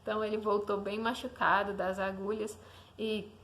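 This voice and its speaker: A woman's voice: medium pitch, flat delivery, normal speed, a bit bright. A young woman, a mother, telling the story of her newborn son as a casual faith testimony, talking to the listener and often asking "né?". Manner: conversational, often asks the listener "né?".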